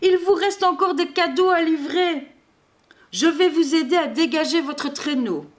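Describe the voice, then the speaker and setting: A woman reading aloud, voicing a big draft horse who offers help in a steady way. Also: extremely high pitch, a little slow, voice pushed up. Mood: helpful.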